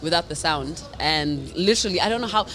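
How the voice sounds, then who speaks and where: Podcast guest: woman, deep magnetic low register, talks quickly in relaxed conversation. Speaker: podcast guest, singer and presenter. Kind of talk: casual podcast chat.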